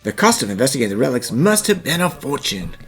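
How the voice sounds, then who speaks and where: Gentleman professor for animated mystery fan dub, male actor: thoughtful, polite, very expressive intonation. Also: mid-range voice, fast talker, soft background music. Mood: thoughtful, explaining. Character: calm gentlemanly male puzzle-solving professor, earnest and thoughtful.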